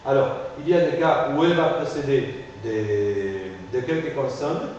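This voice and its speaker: A male phonetics teacher explains step by step, pausing often to ask "ok?". He sounds far from the mic, with a long, ringing room echo. A faint hiss sits under the voice. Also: mid-range voice, a little mellow, lo-fi sound. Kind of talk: classroom lecture. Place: classroom.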